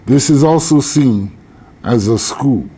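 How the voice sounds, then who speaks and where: Older guy teaching old ways, slow and measured, dark mellow voice. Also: medium pitch, husky. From Hawaii. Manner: slow, measured, with deliberate pauses. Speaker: Hawaiian elder teacher. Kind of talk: spoken teaching on tradition.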